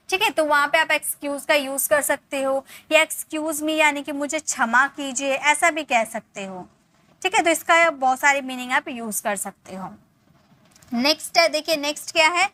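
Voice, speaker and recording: A woman teaching English words, spelling each one out and repeating it slowly for learners. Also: high-pitched, sharp tone. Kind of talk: spelling and pronunciation lesson.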